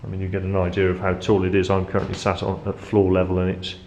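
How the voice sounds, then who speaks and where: A low-voiced man leads an informal guided tour inside a ship's engine room, explaining things as he goes and talking fast. His intonation is very flat. The metal walls make the sound echoey, with faint background noise.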